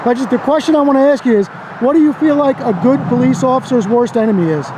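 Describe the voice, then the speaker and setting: A man's voice: extremely high pitch, quick pace. An American man in his fifties talking casually and earnestly outdoors as an auditor narrating for his camera. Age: 50s. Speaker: First Amendment auditor and videographer. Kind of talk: casual on-the-street talk and commentary to camera. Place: outdoors beside a busy road. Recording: outdoors with clear road and traffic noise.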